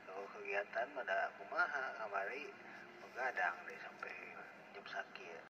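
A man, heard over a two-way radio speaker, chatting casually and relaxed with another radio amateur on the air. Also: fairly low pitch, unhurried, dull audio. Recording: distant noisy radio speaker.

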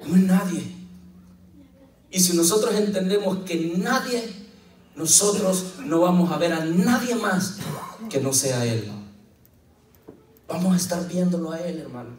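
A man preaching a lively sermon as pastor, telling the story and quoting scripture with jokes along the way. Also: high voice, a little slow, long pauses, slight background noise. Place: church hall. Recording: echoey church, mic at a distance.

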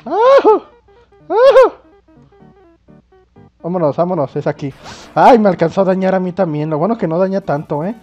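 A man doing loud, excitable let's play commentary, swearing and yelping often. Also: high voice, fast talker, dull audio, faint music behind. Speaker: gamer playing on video.

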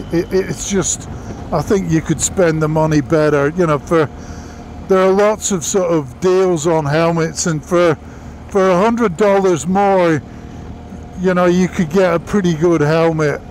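A fairly high-pitched man talks from inside a motorcycle helmet, which muffles his voice a little. He gives casual, plainspoken verdicts in a product review. Faint street and engine noise sits behind him outdoors. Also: a little mellow, low-quality recording.

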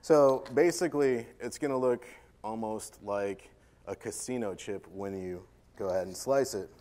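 A chef with a fairly low, warm voice at normal speed gives a live cooking demo as a conference keynote. He jokes, chats, pokes fun at himself, and plays with the audience.

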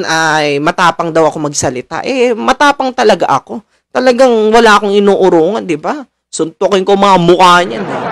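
A young man from the Philippines ranting to his viewers, animated and preachy, mocking officials and laughing between lines. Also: sits high. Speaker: political commentator. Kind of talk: casual ranting monologue to viewers.

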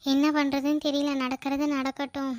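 A woman voicing a resigned high-voiced village sister. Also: monotone, a little fast, no echo, clean studio sound, close to an everyday voice. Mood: helpless. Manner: pleading, resigned, repeats the word paatti.

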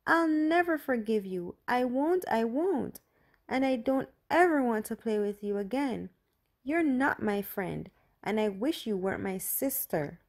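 Casting: whiny, tearful little girl, high and shrill, slow speech, voiced by a woman. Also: big pitch swings, darkish tone. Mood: shrieking upset. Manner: high whining and shrieking.

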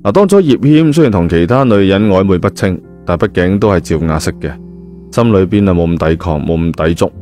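This man has a low, mellow voice with an animated, fairly quick delivery. He narrates a novel in a Cantonese accent, telling the story in a colloquial, chatty way full of spoken particles, with background music playing under him.

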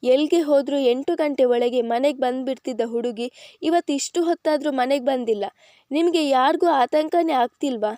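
A woman's voice: high voice, normal speed, warm tone, dry recording, studio quality, natural voice. A woman voicing an anxious mother who scolds her family for not searching for a missing daughter. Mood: upset.

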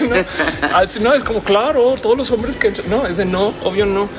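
A Mexican YouTuber in his thirties with a Mexican Spanish accent interviews a guest in a playful, joking, casual way indoors, in a large stone-walled public building. His high-sitting voice is expressive at a moderate pace, with loud music behind it.

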